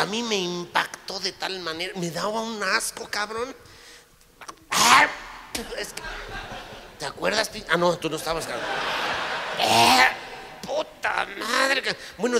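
A middle-aged man with a Mexican accent telling a crude comic story, profane and animated, acting out the voices and shouting at the punchlines. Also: high-pitched, vocal fry, noisy background. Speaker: storyteller comedian.

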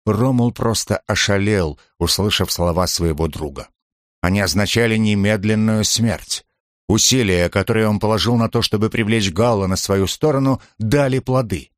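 A man narrates a historical adventure audiobook in a steady, dramatic way. His voice sits low, and the recording is dry and close with no room sound. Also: normal speed, no echo. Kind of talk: scripted narration.

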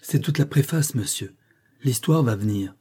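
A man voicing an anxious young woman governess in an audiobook reading of a classic novel, measured and solemn. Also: mid-range voice, lively intonation, a little mellow, slightly rough. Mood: earnest.

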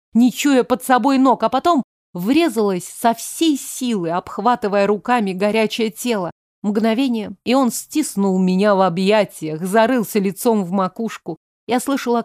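A woman narrates a first-person story with an expressive, lively reading. Her voice sits fairly high, and the recording is close and dry with no room sound. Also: no echo. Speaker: audiobook narrator. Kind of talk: scripted narration.

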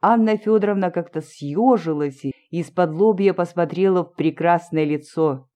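A narrator reading a literary story aloud in a measured, even storytelling manner. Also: medium pitch. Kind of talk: audiobook reading.

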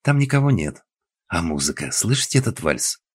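A man voicing a dignified older woman in an audiobook, indignant and worried, with a husky voice. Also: deep voice, big pitch swings, normal speed, dry recording, studio quality, full character voice.

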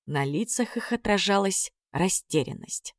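A woman with a low voice reads a fairy tale aloud, bringing expression to the storytelling. The recording is dry and close, with no room sound around her. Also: expressive, measured pace, dry recording. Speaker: narrator. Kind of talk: audiobook narration.

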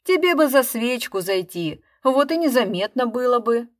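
A woman's voice: on the high side, expressive, moderate pace, no room sound, studio quality, natural voice. A woman voicing a blunt man in a small-town audience, scolding yet friendly.

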